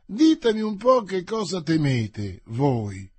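A man's voice: sits high, wildly swooping pitch, slow, a little mellow, breathy edge, no echo, pitched above the performer's own voice, heavily acted. A man voicing a suave, reflective male musketeer-priest in an audiobook reading, speaking thoughtfully.

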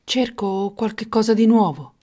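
A woman's voice: on the low side, animated, normal speed, a little mellow, natural voice. A woman voicing a small, timid male court jester who speaks hesitantly. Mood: dazed.

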